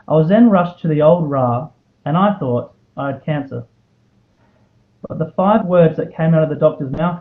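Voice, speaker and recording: Young Australian man giving an earnest speech, slightly high-voiced. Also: phone-quality sound. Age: 20s. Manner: earnest, storytelling, rhetorical questions. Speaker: student award recipient giving a speech. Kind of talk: prepared motivational personal speech. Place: live speech to an audience.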